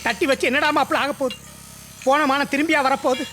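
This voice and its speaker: A man's voice: very high voice, fairly even intonation, fast, bright, forceful tone, slight background noise. An actor playing a self-pitying husband and small shopkeeper who rants about his ruined shop and his troubles. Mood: ranting. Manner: whining, ranting.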